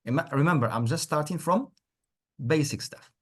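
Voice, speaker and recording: A man teaching English pronunciation in an interactive lesson, speaking deliberately, repeating words for learners and encouraging them. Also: fairly high pitch, a bit bright, slightly rough.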